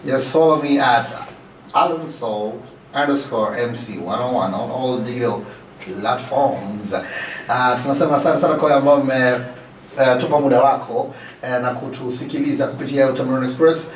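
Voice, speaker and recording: An East African-accented man hosts a radio show, mixing English and Swahili, stretching out his fillers and repeating phrases for emphasis. His voice is mid-range at a moderate pace. He sits distant from the microphone in a small radio studio, so the sound has a roomy echo.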